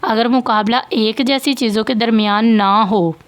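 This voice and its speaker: Slow, patient woman teacher with tinged speech. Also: on the high side, fairly even intonation. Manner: patient, repeats points, checks in with "theek hai". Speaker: English teacher. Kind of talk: slow classroom explanation of grammar.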